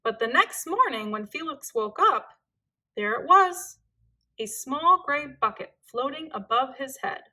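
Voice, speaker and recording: A woman reading a children's storybook aloud in an expressive, deliberate, dramatic way. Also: high voice. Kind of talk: expressive scripted read-aloud narration for children.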